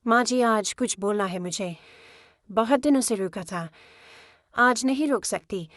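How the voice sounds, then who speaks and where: A woman's voice: fairly high pitch, measured pace, fairly bright tone. A woman voicing a tired, long-suffering housewife who pleads earnestly with her family. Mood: hurt. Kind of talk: animated storytelling.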